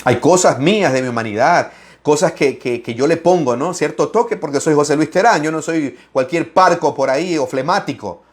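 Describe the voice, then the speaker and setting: Male preacher, middle-aged, fairly high-pitched, expressive and theatrical, loud then soft. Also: normal speed. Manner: expressive, raises and lowers his voice, laughs while speaking; acts out opponents' lines in mocking voices. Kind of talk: animated Bible-study preaching.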